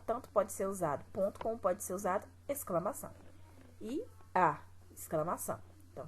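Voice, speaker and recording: A low-quality recording with slight background noise captures a woman of medium pitch teaching a class. With her Brazilian Portuguese accent, she patiently leads students through the exercises stage by stage and poses rhetorical questions as a recorded classroom lesson unfolds.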